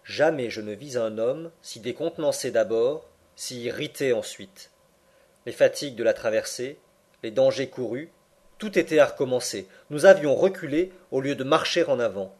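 A man narrating a literary audiobook in a measured, expressive reading voice. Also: medium pitch.

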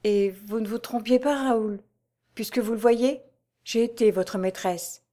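A woman's voice: a little high, measured pace, close to an everyday voice. Woman voicing a sorrowful young woman. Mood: mournful. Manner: soft, mournful. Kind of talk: audiobook character voice.

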